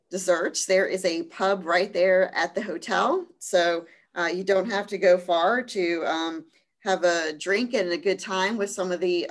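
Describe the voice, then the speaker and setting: Chatty woman presenting a study trip. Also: lowish voice. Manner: chatty with frequent ums and small laughs. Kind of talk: virtual fair slideshow presentation.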